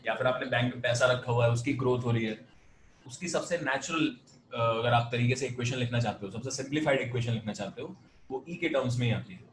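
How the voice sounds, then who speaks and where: An Indian-accented man teaches math over a video call in a patient, explaining way, drifting between Hindi and English. His voice sits in a mid pitch range. The audio is roomy, with a faint hum behind it. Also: fast. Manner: patient, explanatory, mixes Hindi and English, calls students "beta". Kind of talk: online class lecture.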